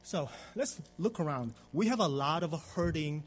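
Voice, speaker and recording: A man preaching a sermon in short phrases and pausing so an interpreter can follow, with frequent fillers. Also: a little high, animated. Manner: halting, with frequent fillers and pauses between phrases. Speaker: pastor.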